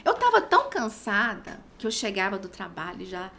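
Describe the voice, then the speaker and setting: A woman's voice: medium pitch, huge pitch swings, moderate pace, creaky, a crowd in the background. A woman in her thirties in a casual faith podcast chat, telling her story animatedly and dropping to a whisper when she quotes scripture. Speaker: podcast guest sharing her testimony.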